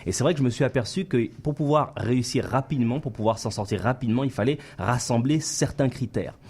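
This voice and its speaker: A man's voice: medium pitch, quick pace, darkish tone, slightly rough. Field: man explaining in numbered points. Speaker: company founder as radio guest. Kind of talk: radio interview. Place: radio studio.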